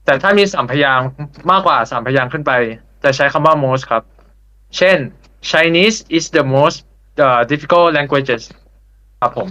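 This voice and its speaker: A young man giving a student class presentation, polite and a little hesitant, pausing with fillers. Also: medium pitch, sharp tone, highs cut off.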